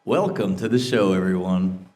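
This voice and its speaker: A man voicing a male show announcer in a slow, drawn-out announcer delivery. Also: low-pitched, darkish tone, in a large hall, lightly acted. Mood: grandiose.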